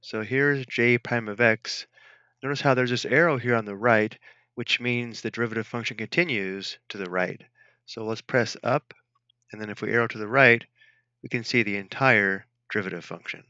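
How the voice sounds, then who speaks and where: A man narrating a math tutorial as an instructor, dictating each entry step by step in a measured way. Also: mid-range voice, steady tone, sharp tone, no echo, dull audio.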